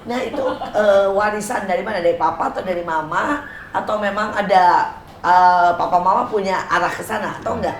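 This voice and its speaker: In an outdoor garden, a woman hosts a casual interview show, chatty and teasing as she fires off many questions. Her mid-range voice is brisk, the sound is reverberant, and a little hiss or hum is present.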